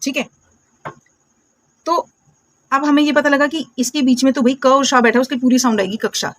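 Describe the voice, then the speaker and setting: A woman gives a classroom phonics lesson, her voice pitched a little high. She asks her viewers a question, answers it herself and says each word slowly twice. The sound is close and dry, with no room echo. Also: fairly even intonation. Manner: patient, calls viewers "my dear friends" and "beta". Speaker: English teacher.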